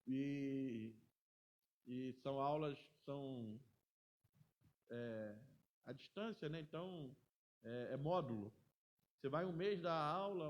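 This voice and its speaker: A middle-aged man, a pastor teaching a Bible school class in a chatty way, often ending sentences with a quick tag question. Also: fairly high pitch, dull audio.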